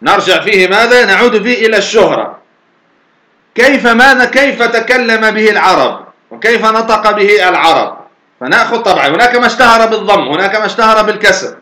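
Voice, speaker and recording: High-voiced man teaching in an echoey room. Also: animated, brisk, sharp tone. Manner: asks the class questions and answers them himself, drawing out example words. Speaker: teacher of Arabic morphology. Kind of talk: lecture explaining a grammar poem.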